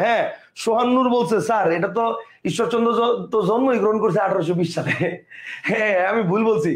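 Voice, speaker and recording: A man with a Bangladeshi Bengali accent, teaching an online lecture and often asking his students whether they understand. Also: high-pitched. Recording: roomy echo.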